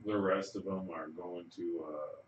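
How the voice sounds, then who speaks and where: A man with a lowish voice walks steadily through a plot recap and drops dry asides along the way. The sound is roomy and a bit muffled. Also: fairly even intonation, measured pace. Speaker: podcast co-host. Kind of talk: casual chat.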